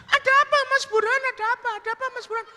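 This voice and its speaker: A man voicing a coy, teasing young woman in a high squeaky falsetto, in a joking sermon story. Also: steady tone, rapid-fire, bright, forceful tone, heavily acted. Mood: teasing, coaxing. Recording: echoey hall.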